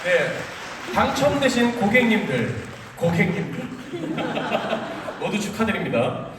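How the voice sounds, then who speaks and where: A man's voice: sits high, sing-song, takes it slowly. A man hosting a live prize draw on stage, announcing formally and politely with playful asides. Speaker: host of a theater curtain-call prize draw. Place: large indoor theater stage. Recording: echoey theater hall, distant, noisy crowd.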